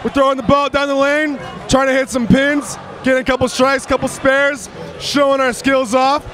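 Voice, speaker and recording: A young man, a college football player, playing a showy fill-in TV host with a loud voice. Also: extremely high pitch, flat delivery, moderate pace. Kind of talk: mock broadcast intro. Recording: music and crowd noise behind.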